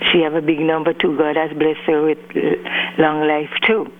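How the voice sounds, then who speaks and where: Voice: medium pitch, completely flat delivery, moderate pace. A caller with an Antiguan accent, heard over a clipped phone line, rambling through birthday greetings and stringing names together with frequent "you know". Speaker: radio call-in caller. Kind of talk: birthday shout-outs on a call-in show. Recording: faint humming phone line.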